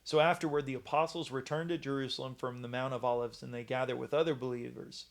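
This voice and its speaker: Halting man giving a Bible talk. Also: medium pitch, fairly even intonation, vocal fry. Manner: halting, many fillers and restarts. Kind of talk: casual Bible teaching talk.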